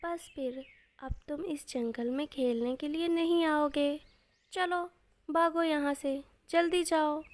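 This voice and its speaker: A woman voicing a hot-tempered, protective mother animal in a cartoon story, quick to scold. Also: sits high, fairly even intonation. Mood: angry. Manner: angry, scolding.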